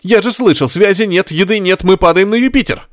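A man voicing a hysterical male reporter who shrieks indignant outbursts in a high, strained voice. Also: expressive, quick pace, no room sound, studio quality, lightly acted.

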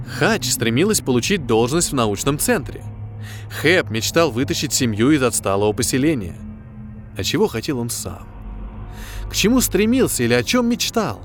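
A man reading dramatic science fiction narration as an audiobook narrator. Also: fairly high pitch. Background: faint music.

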